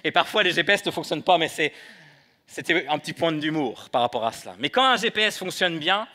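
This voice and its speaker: A man preaching a sermon in church, moving between soft prayer and light humor. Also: fairly high pitch, lively intonation, brisk. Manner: prays softly then preaches with humor. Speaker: pastor.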